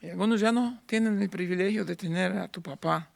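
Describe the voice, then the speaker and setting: Pastor guy in his 50s preaching, goes from loud and fired up to almost whispering, dry close sound. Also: high-pitched, brisk, vocal fry, no echo. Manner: swings between fervent loud passages and hushed near-whispers. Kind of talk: sermon. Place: church.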